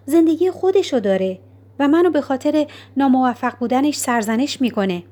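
Woman voicing a high, despairing young woman. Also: expressive, mellow. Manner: emphatic, raised voice. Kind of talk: audiobook character reading.

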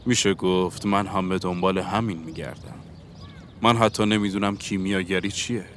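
A man's voice: low-pitched, steady tone, a bit bright, a little hiss or hum. A man reading the part of a bookish Englishman, earnest and lecturing, in an audiobook. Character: bookish Englishman seeking a universal language.

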